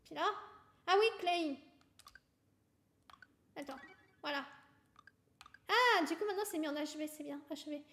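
A woman's voice: sits high, a little slow, pauses often, fairly bright tone. A woman streamer giving casual gameplay commentary, chatty and laughing often as she reads game dialogue aloud.

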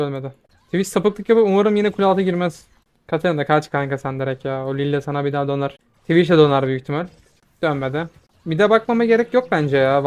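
A young man giving quick, excitable commentary over his own gameplay, swearing when frustrated. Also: fairly high pitch. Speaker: gaming video creator.

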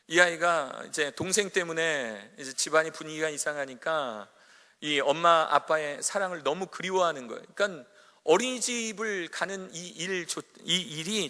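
A man in his thirties preaching a sermon as a pastor, telling a story and swinging between loud emphasis and hushed, near-whispered prayer. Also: fairly high pitch. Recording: echoey hall reverb.

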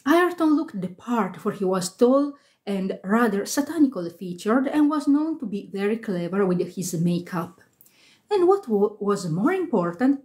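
A woman's voice: mid-range voice, darkish tone. A woman reading a ghost story aloud on a live stream, with small slips and casual asides to her viewers. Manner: reads aloud with occasional slips, laughs and comments. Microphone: phone.

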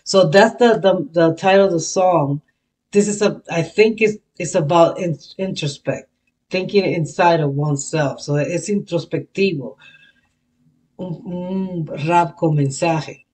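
Woman doing a rap reaction vlog, flips spanish and english, thinks out loud and corrects herself. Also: on the low side, slow pace. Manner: switches between Spanish and English, explaining lyrics; thinks aloud, restarts and self-corrects. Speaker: reaction video host. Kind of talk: casual reaction commentary.

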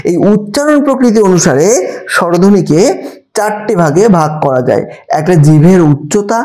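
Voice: medium pitch, lively intonation, normal speed, dark tone. A teacher in an exam-prep grammar lesson, explaining step by step and answering their own questions.

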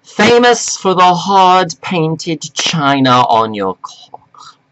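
A man delivering a slow, preachy, scolding monologue to men, reading from notes with sudden jumps in pitch. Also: very animated, fairly bright tone, a little hiss or hum, rough recording. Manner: reads from notes. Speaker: self-styled life coach addressing men. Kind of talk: lecturing monologue to camera.

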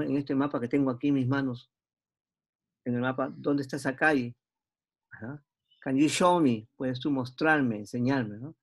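Guy teaching english, slightly high voice, repeats phrases over and over, patient. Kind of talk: online English lesson.

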